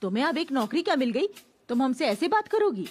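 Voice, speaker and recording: A woman dubbing a dramatic middle-aged mother who scolds and complains, with soft music behind. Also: high-pitched, big pitch swings, fairly quick. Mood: aggrieved. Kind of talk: Hindi dub of a TV drama.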